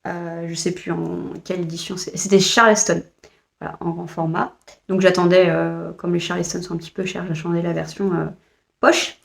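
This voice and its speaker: A woman's voice: lowish voice, level tone, normal speed, gravelly. A French woman vlogger chatting casually about books she bought, hesitant with frequent fillers and restarts. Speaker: book vlogger. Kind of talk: casual book haul chat.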